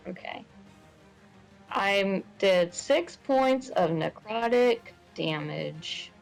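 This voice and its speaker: A woman playing a tabletop game, speaking in a dry, deliberate way. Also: medium pitch, animated, creaky, faint music behind. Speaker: player. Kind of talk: casual tabletop game chat.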